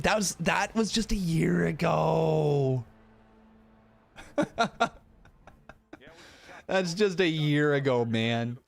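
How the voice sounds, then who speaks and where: A Canadian man in his thirties with a somewhat high, creaky voice streams pro wrestling content from a room in the house he rents. He chats casually and animatedly with his live chat, addressing them directly, cracking jokes at his own expense and swearing now and then.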